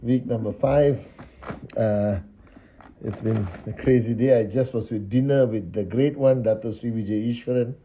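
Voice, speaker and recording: Upbeat man reading out viewer shout-outs. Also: medium pitch, dull audio, a little hiss or hum. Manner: upbeat, reels off viewer names with quick greetings. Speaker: host of a live stream. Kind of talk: casual live-stream greetings and shout-outs. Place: indoors, just back from a dinner.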